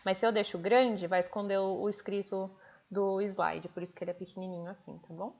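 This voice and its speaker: A woman with a Brazilian Portuguese accent hosting a live stream, chatting casually and talking quickly. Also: mid-range voice, fairly even intonation, darkish tone, dull audio. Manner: fast, hurried talker.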